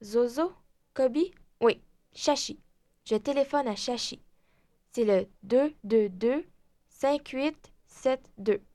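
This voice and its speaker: A woman voicing a cheerful young girl planning her birthday party, in a slow, clear scripted language-lesson dialogue. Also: on the high side, warm tone. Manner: slow, clear, deliberate speech.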